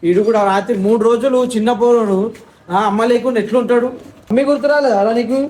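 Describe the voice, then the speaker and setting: Brief: high-pitched Telangana man, quick and pleading, roomy echo. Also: fairly even intonation, a little mellow. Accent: Telangana Telugu. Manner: coaxing, placating. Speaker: family vlog regular. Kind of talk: casual family talk.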